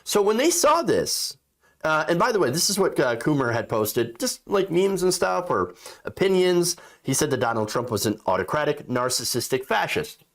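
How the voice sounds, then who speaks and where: Emphatic male commentator with animated, swooping pitch. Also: moderate pace. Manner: emphatic, indignant. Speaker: political commentator, show host. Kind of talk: opinionated political commentary, reading out quotes.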